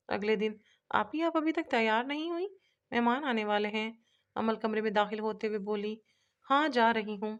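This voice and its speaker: Woman reading a romance novel, high voice. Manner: reads all characters' dialogue in a lightly shifted voice. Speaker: narrator.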